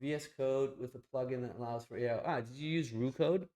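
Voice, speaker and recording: A man's voice: mid-range voice, fairly quick, dark tone. Blunt, swearing man chatting on stream. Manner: blunt and profane, thinking aloud while clicking around. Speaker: live streamer. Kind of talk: casual live stream chat.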